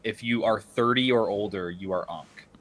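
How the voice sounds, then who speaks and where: Mid-20s guy on a podcast, kinda low voice, chill. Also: moderate pace, fairly bright tone, a little hiss or hum. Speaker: podcast panelist. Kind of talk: casual chat.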